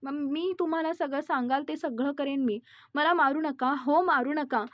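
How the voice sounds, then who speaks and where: A woman's voice: high voice, moderate pace, dry recording, muffled recording, lightly acted. A woman reading the lines of a frightened young woman begging not to be hurt. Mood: pleading. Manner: pleading, repeating herself.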